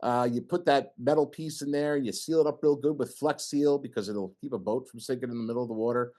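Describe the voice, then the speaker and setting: A middle-aged man with a mid-range, dark-toned voice speaks fairly quickly while presenting slides at an engineering meeting. It's an informal technical talk, and he jokes and puts questions to the audience.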